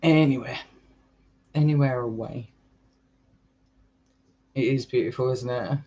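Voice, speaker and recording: A man's voice: medium pitch, steady tone, a little slow, dark tone, dull audio. A young English man with an English accent, a vlogger chatting casually with viewers in a rambling way and laughing often. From England. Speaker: urban exploring vlogger. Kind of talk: casual live chat with viewers.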